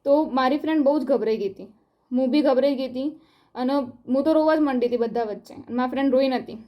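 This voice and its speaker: A woman's voice: high-pitched, fast, muffled recording. A young woman, a college student, giving an earnest and upset personal statement in a self-recorded video. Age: young adult.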